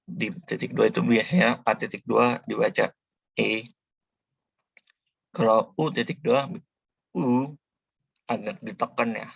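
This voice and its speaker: Slow, gravelly-voiced man teaching patiently. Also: lowish voice, fairly bright tone, dry recording, lo-fi sound. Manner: patient, repeats each sound several times. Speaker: language teacher. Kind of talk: slow spoken tutorial.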